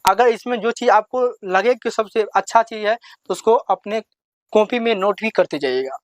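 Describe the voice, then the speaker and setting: There's no room sound around this high-voiced man as he teaches kids to read. He drills letters in call-and-response fashion, asking and answering his own questions slowly and repetitively.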